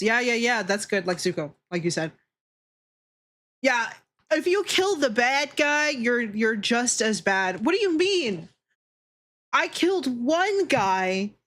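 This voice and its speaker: With a voice a little high and a bit bright, a woman VTuber host chats casually on her livestream. Blunt opinions come with free swearing, and she repeats herself to emphasize her points.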